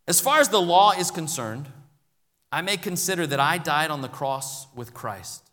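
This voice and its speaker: A man preaching a sermon as pastor, earnestly, rising to loud emphasis and dropping to hushed appeals. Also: a little high, animated, normal speed, in a large hall.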